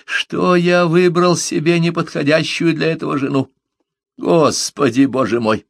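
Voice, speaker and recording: A man's voice: medium pitch, expressive, measured pace, no echo, clean studio sound, voice pushed up. A man doing a quavering, fretful old man. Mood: agitated. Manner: quavering, plaintive, agitated. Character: fretful old bearded man, rambling and anxious.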